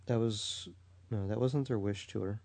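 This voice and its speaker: A man's voice: lowish voice, fairly even intonation, a little slow, darkish tone. A man co-hosting a podcast in casual chat, hesitant with fillers and dry jokes. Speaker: podcast co-host.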